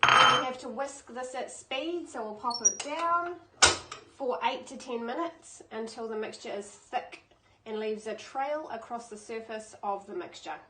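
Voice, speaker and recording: A woman's voice: a little high, unhurried, background noise. Chatty New woman baking. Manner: chatty, upbeat, step-by-step explaining. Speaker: baking channel host. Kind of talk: casual cooking demonstration. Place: home kitchen.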